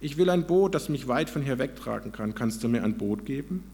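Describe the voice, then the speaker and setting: A man's voice: medium pitch, animated, fairly quick, vocal fry, darkish tone. A man playing a curt, demanding storybook boy. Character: restless demanding boy growing into a weary old man. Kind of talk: storybook reading.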